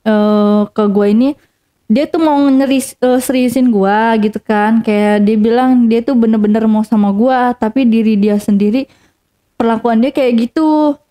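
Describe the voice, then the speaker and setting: A woman's voice: on the high side, steady tone, measured pace, dark tone. A young woman telling a personal story casually to an interviewer, rambling with many fillers and restarts.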